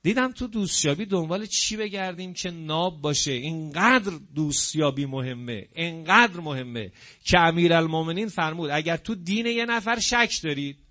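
A man's voice: a little high, expressive, bright, forceful tone. Fervent preacher, man. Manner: emphatic, preaching to listeners, quotes Arabic verses. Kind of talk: sermon.

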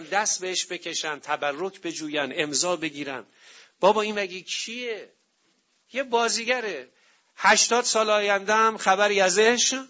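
Male preacher, high and sharp-edged, emphatic sermon delivery with rhetorical questions, muffled lo-fi recording. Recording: dull lo-fi recording.

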